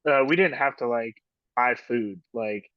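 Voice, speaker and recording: A man chats loosely in an interview, circling his point with lots of fillers and quick laughs. The sound is dry and a little dull, like a video call. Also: medium pitch, no room sound. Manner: rambling, filler-heavy, frequent "like", laughs often. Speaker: ski patroller and union officer. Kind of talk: casual interview chat.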